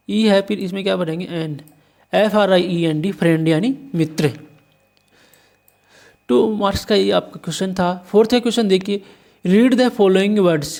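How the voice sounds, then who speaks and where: A teacher from India walks through an exam paper, spelling words letter by letter and answering his or her own questions. The voice is mid-range, gravelly and darkish.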